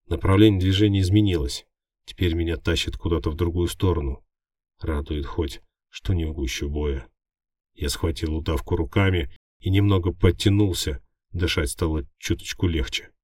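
A man reading a first-person fantasy audiobook in a measured, wry manner. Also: deep voice, a little mellow, dry recording, clean studio sound, recorded from a distance. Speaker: audiobook narrator.

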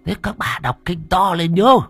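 Man playing a shrill old village shaman, scolding, loud, husky. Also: moderate pace, no echo, soft background music, full character voice. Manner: barking, scolding, urgent. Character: bossy old male village shaman, gruff.

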